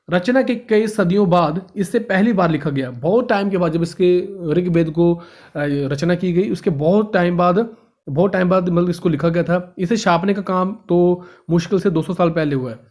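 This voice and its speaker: A man with a high voice teaches from a textbook, speaking to his students as friends. He reads each passage aloud and then goes back over it in easier words. He often trips over a word and starts it again. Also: a little mellow. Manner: reads a line, then explains it in simpler words; often stumbles and restarts words. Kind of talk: reading and explaining a textbook lesson.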